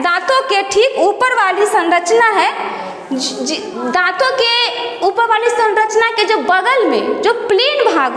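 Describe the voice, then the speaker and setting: A woman teaching a Hindi grammar lesson, explaining slowly and repeating definitions to her students. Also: extremely high pitch, fairly bright tone. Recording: echoey room with long reverb.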